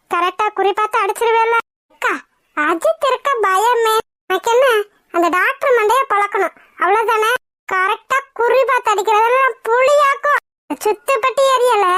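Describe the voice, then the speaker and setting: A woman's voice: very high voice, sharp tone, no echo, studio quality, exaggerated voice. A woman voicing a scheming young village woman who bosses her helper around.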